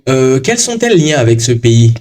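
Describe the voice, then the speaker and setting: Hesitant man, mellow, a bit distant. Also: mid-range voice, big pitch swings, normal speed. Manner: hesitant, with many fillers. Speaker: podcast host. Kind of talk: interview questions.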